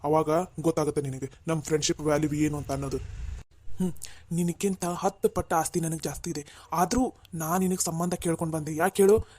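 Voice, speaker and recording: A man's voice: on the high side, darkish tone, lightly acted. A man voicing a wealthy, proud and stubborn middle-aged father in a cartoon, switching between indignant and pleading. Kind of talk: Kannada cartoon voice acting.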